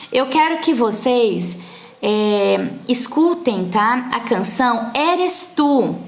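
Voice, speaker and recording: A woman with a Brazilian Portuguese accent, teaching a recorded Spanish class and explaining patiently step by step, often checking that her students follow. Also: fairly high pitch. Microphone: phone screen recording.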